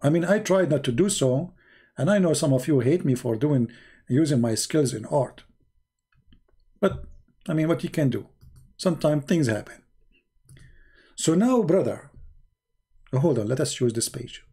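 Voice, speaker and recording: A man with a fairly high, husky, dark-toned voice gives an animated mocking monologue at normal speed, pausing often. The online commentator rambles sarcastically in broken non-native English and poses mock-naive questions.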